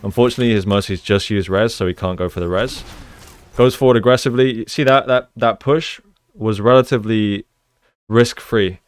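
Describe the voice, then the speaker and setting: Dryly recorded, this man speaks on the low side and a bit quickly, coaching through video game play move by move. As a gaming analyst he keeps it conversational and explanatory, tossing in "right?" often.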